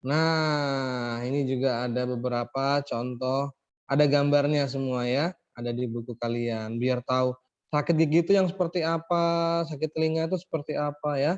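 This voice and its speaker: A man's voice: mid-range voice, steady tone, normal speed. A man teaching an online English lesson to children, explaining patiently and checking often that the class follows. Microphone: video call. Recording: dull lo-fi video call audio.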